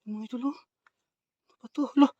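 A man vlogging as a ghost hunter outdoors in a forest, nervously calling out questions and dropping between hushed muttering and loud calls. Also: very high-pitched, steady tone, brisk, highs cut off. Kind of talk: paranormal exploration vlog.

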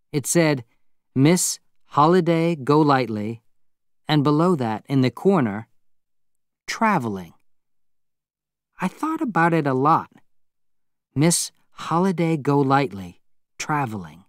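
A man narrates a story in a measured, unhurried way, each sentence given room. His voice sits in an ordinary middle pitch. The sound is dry, with no room around it. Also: no room sound. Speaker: audiobook narrator. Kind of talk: scripted narration.

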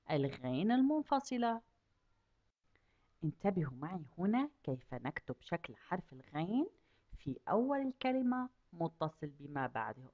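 A woman teaching a kindergarten class, asking the children questions and drawing out each word slowly so they can repeat it. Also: low-pitched, phone-quality sound. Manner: asks children questions and stretches out words slowly to model them. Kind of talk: lesson for young children.

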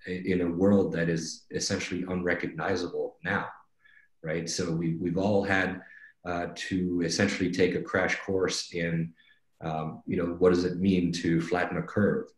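With a low-pitched, even voice at a moderate pace, this middle-aged man presents a company webinar over a video call from indoors. He explains conversationally and keeps checking in with "right?". The call microphone yields echoing, roomy sound.

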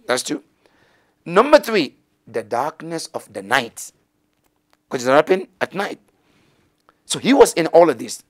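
A man's voice: fairly high pitch, very animated, unhurried, long pauses. A middle-aged man telling a religious story as a teacher, gesturing and acting out the voices of the people in it, in a small indoor studio on a lapel mic. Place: studio set with banners, indoors.

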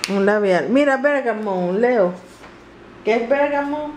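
A woman's voice: fairly high pitch, expressive, slow pace, darkish tone, a little hiss or hum. A woman with a Venezuelan accent, vlogging casually at home in a chatty, playful, exclamatory way. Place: home, indoors.

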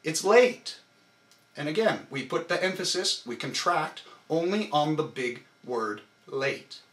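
A man giving a scripted English accent lesson, slowly and emphatically demonstrating stressed syllables. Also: on the high side, expressive, fairly bright tone, echoey room.

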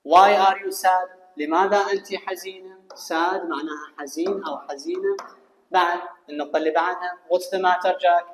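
A man with an Iraqi Arabic accent teaching English to students, reading phrases slowly and translating each one. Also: high voice, a little hiss or hum. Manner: explains slowly, reads English phrases then translates them. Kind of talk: recorded classroom lesson. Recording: echoey room with long reverb.

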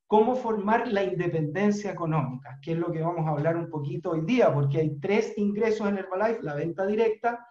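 A middle-aged man with a Chilean accent, a business trainer telling a motivational story in an earnest, unhurried way with frequent fillers, on a video call from a room at home. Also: high voice, warm tone. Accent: Chilean Spanish. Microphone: webcam on video call. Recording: roomy, dull webcam audio.

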